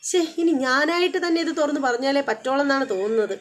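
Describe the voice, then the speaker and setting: A woman's voice: high-pitched, expressive, fast. A woman playing Govind, a flustered young husband. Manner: impatient, urging, blustering. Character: young man, husband, flustered and quick-tempered.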